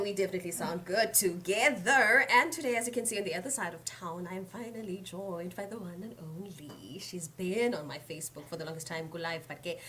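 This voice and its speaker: A South African woman with a Xhosa accent hosting a radio interview, lively and switching between English and Xhosa. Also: on the low side. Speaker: radio host. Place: radio studio.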